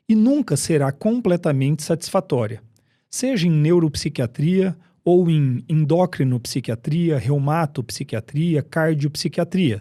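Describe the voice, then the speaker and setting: A Brazilian man with a fairly high, mellow voice hosts a podcast discussion. He explains each point in a measured, scripted manner. The sound is close and dry. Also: dry recording. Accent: Brazilian Portuguese. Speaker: psychiatry podcast host.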